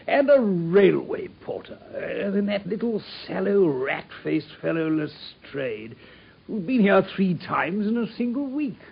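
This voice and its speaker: An actor playing a friendly, curious army doctor in a radio play, genial and amiable, on a dull lo-fi broadcast recording. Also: male voice, high-pitched, creaky, husky, heavily acted. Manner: genial, amiable, quick to laugh. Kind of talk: 1950s-style BBC radio drama acting.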